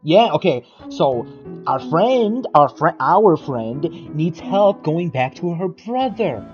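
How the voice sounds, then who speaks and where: A man's voice: a little high, sing-song, slow pace, muffled recording, soft background music. A man doing profane gaming commentary, crude and exasperated, mock-aggressive. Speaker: gameplay commentator.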